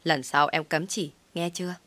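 Woman reading a nagging, forgetful wife, low voice, dry sound. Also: fairly even intonation, normal speed, a bit bright, dry recording. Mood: scolding. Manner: scolding, nagging. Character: bossy forgetful young wife, scolding.

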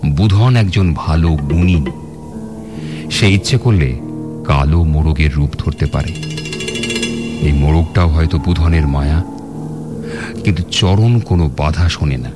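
An actor playing a man recounting his own eerie tale, with suspenseful, dramatic radio narration. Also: extremely low pitch. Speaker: storyteller narrator. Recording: background music under narration.

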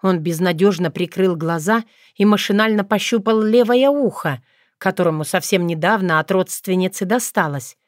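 A woman narrating a fantasy story aloud in a measured, expressive reading. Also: lowish voice, no echo, studio quality. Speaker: audiobook narrator. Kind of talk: scripted narration.

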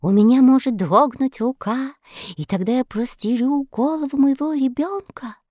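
A woman's voice: high-pitched, moderate pace, dark tone, dry recording, studio quality, voice pushed up. A woman voicing a frightened father pleading for mercy in a storybook reading.

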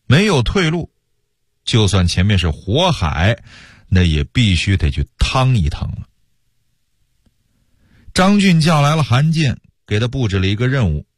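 Male radio storyteller, husky voice, dry close sound, chatty asides. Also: medium pitch, dry recording. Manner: lively, colloquial storyteller with asides.

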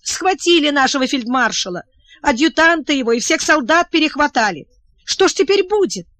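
A woman's voice: sits high, animated, normal speed, a bit bright, no echo, pitched above the performer's own voice. A woman reading the part of an anxious, tearful young princess who pleads and asks breathless questions.

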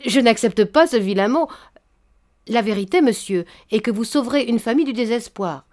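A woman's voice: on the high side, moderate pace, voice pushed up, close to an everyday voice. Woman doing a sugary scheming old matchmaker. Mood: honeyed. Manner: unctuous, flattering. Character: old honey-tongued spinster matchmaker, scheming. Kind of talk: audiobook reading.

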